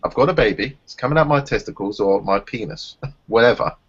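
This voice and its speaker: A man's voice: medium pitch, fairly quick, breathy edge, lo-fi sound. A man telling blunt, profane stories in a casual group chat over a video call. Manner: animated storytelling, blunt and profane. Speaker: round table regular.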